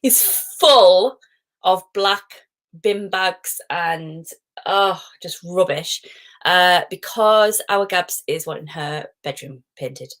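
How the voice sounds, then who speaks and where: A woman's voice: on the low side, takes it slowly, a bit bright. A middle-aged woman, hosting a live stream as a positivity coach, chatty and digressive with frequent laughs. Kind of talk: casual live-stream talk.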